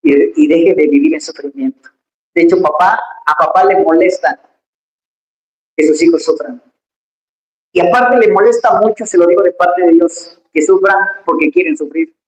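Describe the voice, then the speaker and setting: List: pastor, emphatic sermon, talks right to the congregation, middle-pitched voice, echoey church hall. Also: normal speed, pauses often. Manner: lively, emphatic, addresses the congregation directly.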